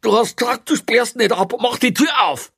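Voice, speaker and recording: A man voicing a panicked drunk male prisoner who stammers and shouts. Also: high-pitched, expressive, a little slow, vocal fry, no room sound, studio quality, pitched above the performer's own voice, full character voice. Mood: frantic.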